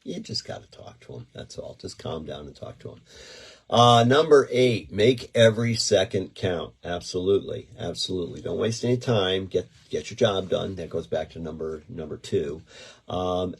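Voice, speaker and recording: A middle-aged man with a very low, husky voice, talking in a loose, rambling way as host of a casual chat show. He circles back and restarts his sentences, keeping an unhurried, easygoing tone throughout. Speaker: podcast host and event promoter.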